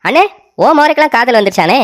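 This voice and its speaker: A woman's voice: fairly high pitch, expressive, fast, lightly acted. A woman voicing an emotional, naive young man in a cartoon story, talking in a whiny, pleading way. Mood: teasing.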